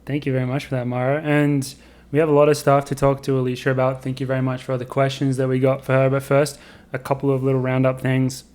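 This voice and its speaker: A man's voice: medium pitch, monotone, fast, few pauses, darkish tone. A man hosting a podcast, upbeat and joking as he chats. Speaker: podcast host. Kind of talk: casual chat.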